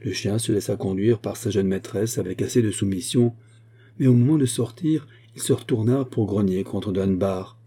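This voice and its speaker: Dark, husky male audiobook narrator. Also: on the low side. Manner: steady, measured reading. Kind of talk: scripted narration of a classic novel.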